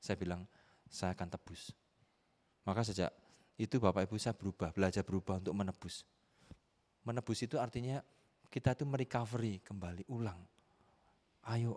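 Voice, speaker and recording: A middle-aged pastor delivers a sermon in a voice that sits on the low side. He tells his story animatedly and acts out voices with sudden leaps in pitch. The sound carries the long reverb of a church hall. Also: brisk, pauses often, a little mellow. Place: church sanctuary.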